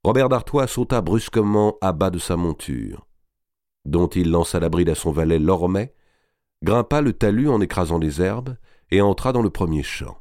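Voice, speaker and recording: Deep-voiced expressive male audiobook narrator. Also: dry recording, clean studio sound. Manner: expressive, measured literary reading.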